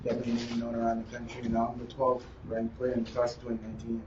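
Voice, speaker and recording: A young man with a Bahamian accent, a basketball player answering interview questions in a relaxed, plain way. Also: mid-range voice, quick pace. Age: young adult. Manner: relaxed, plain, uses "like" and "you know". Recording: roomy, distant, dull with faint noise.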